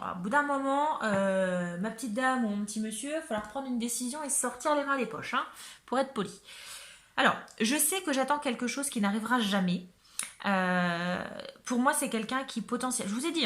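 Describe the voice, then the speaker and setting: A woman from the Ardennes in France doing a chatty tarot card reading for viewers, with many fillers and asides. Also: fairly high pitch. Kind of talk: casual reading addressed to viewers.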